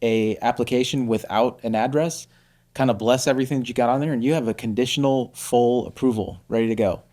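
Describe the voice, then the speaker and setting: A man's voice: medium pitch, fairly even intonation, brisk, dark tone. A man co-hosting a housing podcast, confidently explaining lending steps in casual chat. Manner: confident, explains with practical detail. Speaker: mortgage lender co-host.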